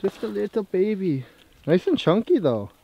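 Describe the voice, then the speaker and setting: A man's voice: high-pitched, very animated, normal speed, gravelly, dark tone, muffled recording, a little hiss or hum. A man chatting casually for an outdoor fishing vlog on a frozen lake, with slangy buddy-like banter. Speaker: fishing vlogger.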